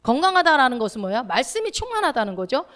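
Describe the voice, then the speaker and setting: A woman's voice: high voice, big pitch swings, fast, a bit bright. A woman pastor giving a sermon, asking the congregation questions and then answering them herself, and acting out people's inner thoughts. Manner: acts out inner thoughts in quoted speech.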